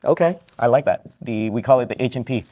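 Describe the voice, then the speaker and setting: A man's voice: medium pitch, fast, mellow, highs cut off. A man from Vietnam who works as a psychiatrist, giving a live question-and-answer talk to students, upbeat and joking, repeating each question back.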